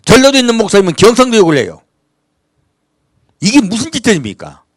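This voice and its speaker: A male pastor from the Jeolla region of South Korea, preaching a sermon with rhetorical questions and reading scripture in a measured cadence. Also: high voice, huge pitch swings, dry recording, studio quality.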